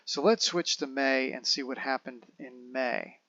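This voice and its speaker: A man's voice: medium pitch, measured pace, pushed and bright, no room sound, lo-fi sound. Guy realtor chatting thru housing stats, casual, fixes his own slips, dry sound. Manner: conversational, explains figures step by step, self-corrects. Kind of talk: casual real estate market update.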